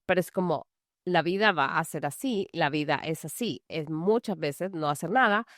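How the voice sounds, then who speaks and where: A woman's voice: low-pitched, moderate pace, no room sound, studio quality. A woman who coaches mothers on anger, giving loose, conversational advice full of fillers. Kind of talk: casual talking-to-camera advice. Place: large house.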